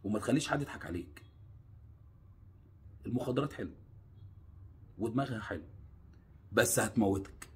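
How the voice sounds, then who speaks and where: A young man with an Egyptian Arabic accent gives an earnest, pleading warning to his viewers, jumping from loud urging to low hushed lines. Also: lively intonation, fairly quick, long pauses, breathy edge. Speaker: vlogger. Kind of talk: personal warning monologue.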